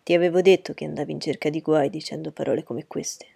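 A woman's voice: low voice, steady tone, fast, creaky, dark tone, husky, no room sound, studio quality, voice pushed down, exaggerated voice. A woman voicing a firm, reproachful uncle in a storybook reading.

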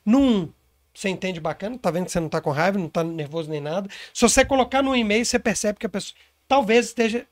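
A man's voice: high-pitched, lively intonation, fast talker, no echo, clean studio sound. A man talking as a sales consultant in a casual interview, emphatic and explaining with examples.

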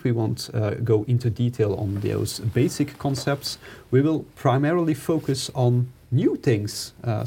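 A man's voice: medium pitch, creaky, dark tone, husky. A man hosting a casual podcast in English, chatting in a friendly way with frequent ums and uhs. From Belgium. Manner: friendly, hesitant with fillers. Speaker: podcast host.

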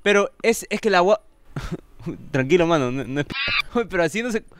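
A young Peruvian man with a Peruvian Spanish accent, co-hosting a casual comic podcast, excitable and quick to laugh and mock-complain. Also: high-pitched, dry recording. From Peru. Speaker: podcast co-host. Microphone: phone.

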